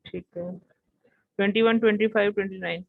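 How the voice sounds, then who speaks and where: Brisk woman teacher on a video call, dry and muffled lo-fi audio. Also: mid-range voice, fairly even intonation, gravelly, no echo. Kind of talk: online class roll call and lecture.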